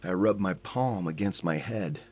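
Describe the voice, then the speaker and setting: A man's voice: low voice, measured pace, a little mellow, husky, soft background music. A man reading a horror story aloud as its narrator, tense and acting out the frightened hero's lines.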